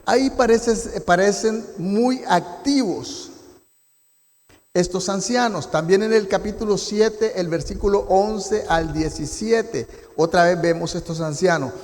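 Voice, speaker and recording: Here the pastor, a Costa Rican man, talks slowly in a high voice with a darkish tone. Leading a church Bible study, he reads scripture aloud and asks the congregation questions, and the recording carries long church hall reverb.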